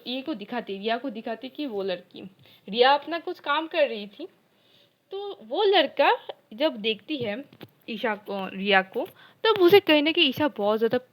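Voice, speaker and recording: A woman casually retelling a romance story, acting out each character's lines loosely in her own voice, with many fillers and restarts. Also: fairly high pitch.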